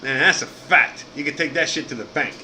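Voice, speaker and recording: A man's voice: on the high side, a little fast, sharp tone, a little hiss or hum. A Cuban-American man from Miami with a Miami Cuban accent, rambling through a casual, profane livestream chat as host while sick with food poisoning. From Miami, USA. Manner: rambling, profane, lots of "you know what I mean".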